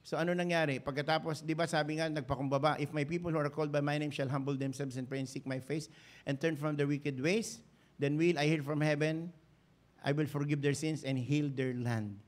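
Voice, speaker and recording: Filipino pastor guy preaching hard, kinda high voice, slows way down on the big lines. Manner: fervent preaching, slows to stress lines, bursts into sung prayer. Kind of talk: Taglish sermon, livestreamed.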